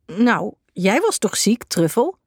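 A woman's voice: mid-range voice, big pitch swings, takes it slowly, breathy edge, no echo, studio quality, full character voice. A woman voicing a cheeky male stray cat in a storybook, blunt and teasing.

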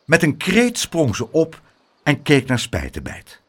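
A man reading a children's book aloud, dramatic and expressive throughout. His pitch sits a touch high and swoops widely from phrase to phrase. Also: a little slow, slightly rough. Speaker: narrator.

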